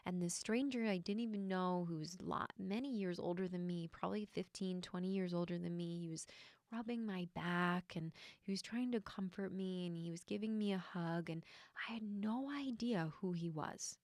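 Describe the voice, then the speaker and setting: A young adult woman, a podcast host and healer, tells a personal story in a soft, reflective, hesitant way, with frequent fillers. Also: on the low side, moderate pace, no room sound, clean studio sound.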